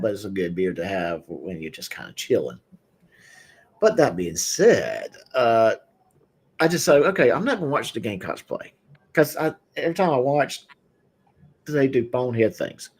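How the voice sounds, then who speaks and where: A man's voice: medium pitch, sing-song, moderate pace, slightly rough. A man hosting a casual drinking chat show, rambling with lots of fillers and easy laughs. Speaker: podcast host.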